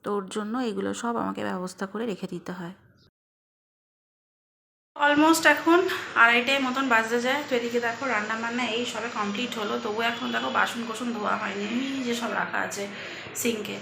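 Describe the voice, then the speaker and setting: A woman's voice: fairly high pitch, a little fast, vocal fry, reverberant, background noise. A woman in her thirties chatting casually to her viewers while she cooks and cleans in her home kitchen. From Bengal. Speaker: vlogger. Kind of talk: casual vlog narration to viewers.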